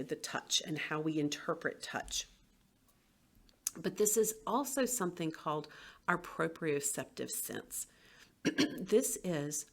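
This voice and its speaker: A woman, a former teacher, giving an educational presentation and acting out tones of voice as she explains. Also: fairly low pitch.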